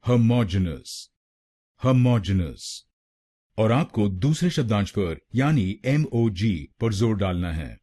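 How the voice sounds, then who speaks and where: A man's voice: fairly low pitch, lively intonation, unhurried, hardly any pauses, mellow, slightly rough. A man teaching word pronunciation in a scripted lesson, breaking the word into syllables and repeating each one.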